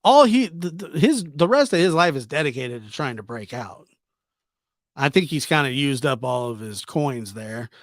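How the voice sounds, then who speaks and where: Expressive and at a normal pace, a man with a medium-pitched voice runs a livestream, casually reacting to and answering viewer comments with informal teasing and frequent repetition. The audio is clean studio sound with no room sound.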